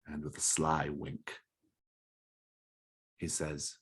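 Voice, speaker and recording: Low, husky-voiced male game master. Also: completely flat delivery, very slow, fairly bright tone. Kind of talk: narrating a tabletop game.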